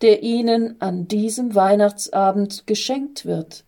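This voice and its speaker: A woman voicing an old, wise angel who calmly explains, in a storybook reading. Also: mid-range voice, slow. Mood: gentle. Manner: calm, explaining.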